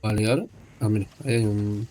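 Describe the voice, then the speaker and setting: A man's voice: lowish voice, steady tone, very fast, dark tone, soft background music, rough recording. A man giving casual gameplay commentary as he plays, in short offhand remarks. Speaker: gamer, let's play commentator.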